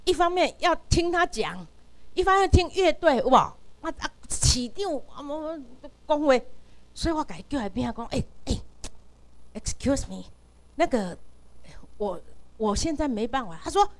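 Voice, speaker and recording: Taiwanese woman lecturer telling a story, pretty high voice, really lively up and down, acts out the back and forth. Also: moderate pace. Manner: animated, mixes in Hokkien phrases, acts out quoted dialogue. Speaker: university lecturer.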